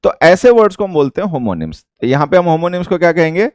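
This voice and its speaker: An English teacher from India with an Indian accent, explaining a lesson slowly and repeating each point. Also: male voice, a little high, very animated, dry recording, clean studio sound.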